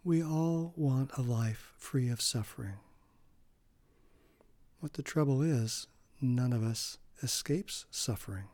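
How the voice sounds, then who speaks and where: Male meditation guide, unhurried and soothing, mellow tone, soft breathy trail at phrase ends, dry close sound. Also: mid-range voice, dry recording.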